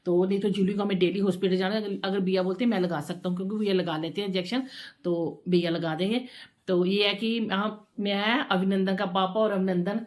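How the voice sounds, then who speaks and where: A woman's voice: medium pitch, fairly even intonation, a little fast, a little mellow. A woman talking casually in a home vlog, chatty and emotional, often repeating herself. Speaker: vlogger.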